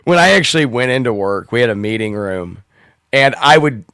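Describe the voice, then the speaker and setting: Slightly hoarse man, lively rambling chat. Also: mid-range voice, dry recording, studio quality. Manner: rambling, swearing, quick to laugh. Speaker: host of a live open-mic stream. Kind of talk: casual chat.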